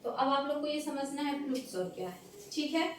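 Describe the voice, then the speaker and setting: High-voiced woman teacher in echoey room. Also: expressive. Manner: repeats phrases, checks understanding often; dictates slowly for students to write. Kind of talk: classroom lesson on the alphabet. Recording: echoey room, mic far off, faint noise.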